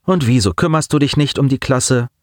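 A man voicing a calm, clever, self-assured teenage girl in an audiobook, raising his voice for her. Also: medium pitch, fairly quick, dry recording, studio quality, voice pushed up, natural voice. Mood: plain.

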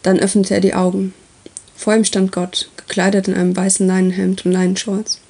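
A woman reading a story aloud as its narrator, with steady, even delivery. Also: medium pitch, brisk, husky.

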